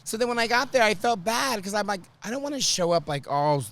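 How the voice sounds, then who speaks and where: A high-pitched male voice, a little rough from a hangover. He hosts in a loose, chatty way, spinning animated stories full of playful vanity and acted-out quotes. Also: a little fast. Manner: animated, self-mocking vanity, acts out quoted remarks. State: hungover, sounding rough. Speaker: talk show host. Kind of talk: casual chatty storytelling.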